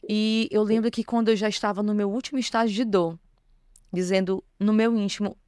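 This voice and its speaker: A woman's voice: mid-range voice, flat delivery, fairly quick, darkish tone, no echo, studio quality. A woman, a bishop, telling her personal testimony in an interview, earnest and emotional. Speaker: bishop, guest.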